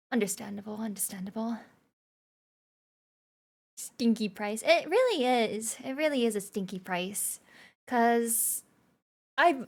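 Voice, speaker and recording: Woman streamer, slightly high voice, giggly, rambling casual chat with viewers.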